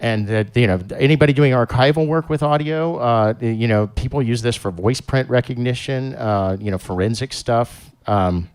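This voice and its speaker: A man's voice: medium pitch, normal speed, few pauses, a little mellow, clean tone. A man hosting a live-streamed show, chatting casually and rambling, with lots of fillers and restarts. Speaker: show host.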